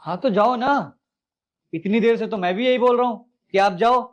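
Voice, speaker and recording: A man's voice: high-pitched, normal speed, dull audio, natural voice. An actor playing a domineering young husband who talks harshly and hurls insults at his wife and her father. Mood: angry.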